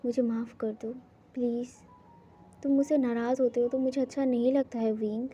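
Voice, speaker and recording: A man's voice: extremely high pitch, little pitch movement, normal speed, slight background noise. A man reading as a remorseful dragon lover. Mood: apologetic. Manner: soft, apologetic. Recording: dull lo-fi recording, faint music.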